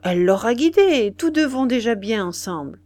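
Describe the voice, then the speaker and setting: A woman reading the lines of a grave, wise old grandmother in an audiobook, measured and serious. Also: fairly high pitch, big pitch swings, darkish tone, no echo. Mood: grave, concerned.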